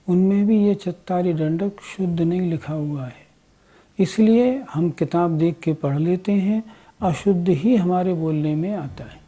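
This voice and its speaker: A woman teaching a religious lesson, reciting verses and explaining them word by word in a slow, deliberate way. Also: lowish voice, mellow, husky. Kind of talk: lesson with chanted Prakrit verses.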